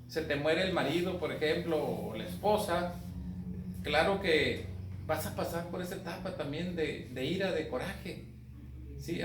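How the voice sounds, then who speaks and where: A man with a Mexican accent giving a casual, profane talk, often checking whether listeners follow him. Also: a little high. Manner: profane, colloquial, often asks "me entiendes". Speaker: speaker on grief. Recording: echoey room, distant mic, faint noise.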